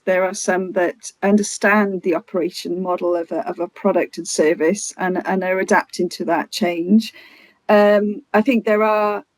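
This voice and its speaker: A woman's voice: mid-range voice, no room sound. Businesslike woman presenting, dry close sound. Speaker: executive presenting to committee. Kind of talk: formal corporate presentation.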